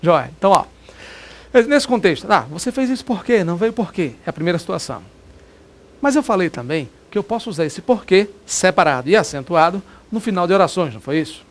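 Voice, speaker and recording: A man's voice: sits high, big pitch swings, brisk. A Brazilian man teaching Portuguese grammar in an exam-prep video lesson, chatty, repeating examples and checking that students follow.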